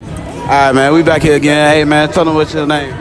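A man's voice: fairly high pitch, level tone, brisk. Young man interviewing shoppers in a mall. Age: young adult. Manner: repetitive, upbeat, joking. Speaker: street interviewer. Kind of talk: casual public interview. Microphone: phone held out. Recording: phone audio with music and crowd.

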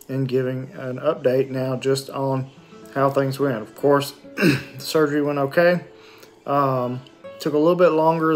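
Halting middle-aged man, sore after surgery. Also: medium pitch. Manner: halting, matter-of-fact, frequent pauses and throat clearing. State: sore throat, swollen numb lip and jaw after surgery. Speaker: vlogger giving a post-surgery recovery update. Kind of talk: casual unscripted video diary. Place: small indoor room at home with shelves. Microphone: phone or webcam at arm's length.

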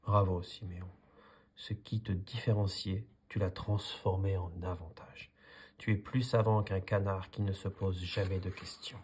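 A man voicing a stern, sturdy old male duck who leads the flock, in a calmly read storybook. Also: deep voice, unhurried, slight background noise. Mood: commanding. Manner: commanding, gruff.

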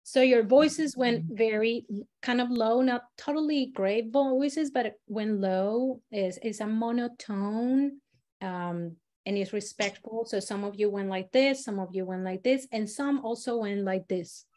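A Latin American woman with a slightly high voice leads a live storytelling workshop, speaking at a measured pace. She explains each exercise in a lively, demonstrative way, shifting her pitch and loudness as she models voices for her students.

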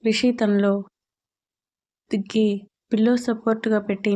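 A woman reads an audio story aloud in a steady, even manner. Her voice is mellow and soft, never sharp. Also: medium pitch, a little slow.

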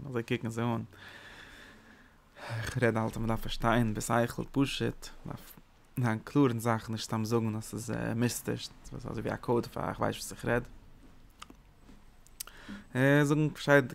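A man giving a Torah lecture, speaking with animated, emphatic bursts and mixing in English words. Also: medium pitch, gravelly. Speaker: Torah teacher. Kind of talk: religious lecture.

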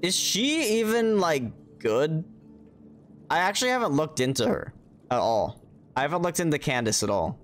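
Slightly high and swinging widely in pitch, this streamer's voice runs at a normal speed as he talks casually during gameplay on his livestream. He cusses freely and jokes at his own expense, with game music behind him in his indoor streaming room.

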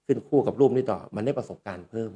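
A man with a lowish, husky voice talks at a racing clip, and the audio sounds lo-fi. He's hosting a casual storytelling talk, and he livens it up by acting out the voices of the people he quotes.

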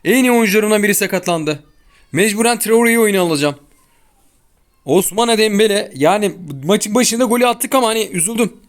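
Fairly quick and high-pitched, a young man casually narrates gameplay for his gaming channel, frequently complaining and sounding exasperated in slangy talk. The recording is from a home room near an open window, with a child heard outside.

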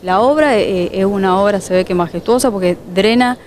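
A woman's voice: mid-range voice, fairly quick, a little mellow, a little hiss or hum. A woman, a local resident telling a news reporter about her flooded home outdoors, speaking in fragmented, emotional bursts with many restarts. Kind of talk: street news interview.

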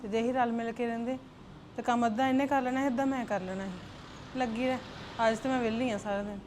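A woman's voice: a little high, steady tone, quick pace, noisy background, natural voice. A woman playing a chatty, defensive elder sister-in-law in a family drama.

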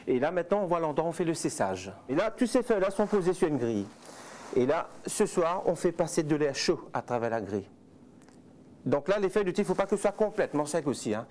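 Man explaining tea-making, with halting fillers. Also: a little high, big pitch swings, darkish tone. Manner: halting, with frequent fillers and restarts. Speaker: tea estate guide. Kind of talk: explanatory interview answers. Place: outdoors in tea fields and inside a factory.

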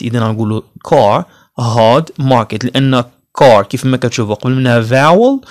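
Moroccan man teaching English pronunciation. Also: medium pitch. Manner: explains in Darija, reads English rules slowly and carefully. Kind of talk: pronunciation lesson.

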